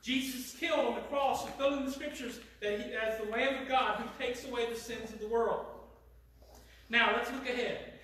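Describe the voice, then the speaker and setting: A man's voice: fairly even intonation, a bit bright, slight background noise. Man, pastor, sermon, reads scripture, heavy echo, mic at a distance. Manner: reads scripture aloud, dropping low and slow at solemn lines. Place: church sanctuary. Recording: echoey church sanctuary, mic at a distance.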